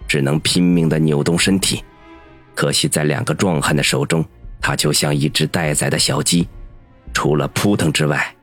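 A man narrating a story with steady storytelling in an audiobook. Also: very deep voice. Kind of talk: scripted narration.

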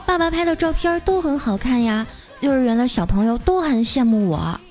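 A woman's voice: high-pitched, animated, a little fast, a little mellow, soft background music, pitched above the performer's own voice. A woman voicing a cheeky six-year-old girl who talks sweetly and slyly wheedles, in a storybook radio tale.

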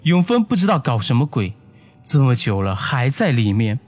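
A man narrating a first-person horror story in a hushed, suspenseful manner. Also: medium pitch, sing-song, normal speed, no room sound.

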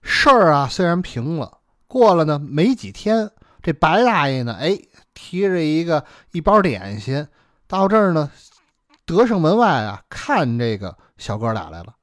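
A man telling a traditional story in a lively, chatty way with many fillers. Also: a little high, a little slow, no room sound, clean studio sound.

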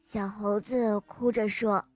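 A woman narrating a children's bedtime story in a slow, gentle, sing-song way. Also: mid-range voice, level tone, dry recording, clean studio sound.

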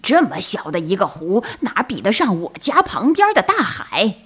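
A woman's voice: fairly high pitch, huge pitch swings, slow, voice pushed up, exaggerated voice. Woman playing a haughty storybook eagle; scornful, dismissive, short-tempered. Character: silent hot-tempered proud eagle artist.

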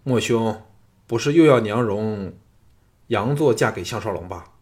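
A male audiobook narrator voicing a proud, jealous male schemer in a low, measured tone. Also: lively intonation. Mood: plotting. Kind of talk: audiobook character reading.

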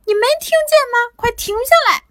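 A woman voicing an angry little boy who shouts and whines in outbursts. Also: animated, slow, dry recording, clean studio sound, exaggerated voice. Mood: panicked. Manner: shrill, whiny outbursts.

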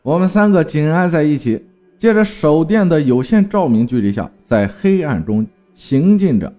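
A man's voice: fairly high pitch, sing-song, normal speed, warm tone, faint music behind. A man telling a first-person horror story with dramatic storytelling and terse spoken commands.

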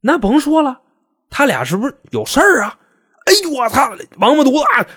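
A man voicing a grieving, enraged husband who shouts, swears and defends himself. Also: medium pitch, very animated, normal speed. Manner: wailing, shouting, swearing, then pleading his innocence. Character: grieving then furious middle-aged husband.

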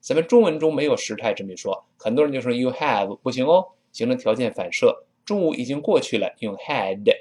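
A man teaching English pronunciation, spelling words out slowly and repeating phrases for students to copy. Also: medium pitch, expressive, darkish tone, husky. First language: Chinese. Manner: drills phrases slowly, spells letters aloud, models pronunciation. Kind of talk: spoken English pronunciation lesson.

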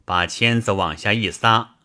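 A man reading a classic novel aloud in a slow, expressive storytelling style. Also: on the low side.

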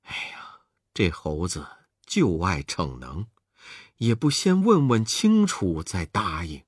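Give me a narrator playing a gentle worried monk in a storybook, soft, slow and breathy. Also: medium pitch, huge pitch swings, no room sound, studio quality, full character voice. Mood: fretting. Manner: soft, pleading, polite. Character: gentle fretful old monk, male.

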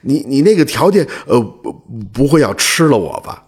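A fretful old landlord from a storybook folk tale, tripping over his words as he stammers, as a male storyteller plays him. The voice is a little husky and swings up and down in pitch. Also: sing-song, normal speed, darkish tone. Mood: nervous. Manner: stammering, nervous.

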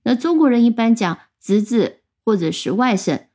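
Mellow-voiced woman teaching English words. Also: a little high, expressive, moderate pace. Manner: patient, spells out words letter by letter. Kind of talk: vocabulary lesson.

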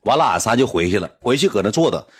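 Northeastern chinese guy ranting through a funny story, lively up-and-down voice. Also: on the low side, very fast, slightly rough, soft background music. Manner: animated, rambling, indignant. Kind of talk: comic personal anecdote.

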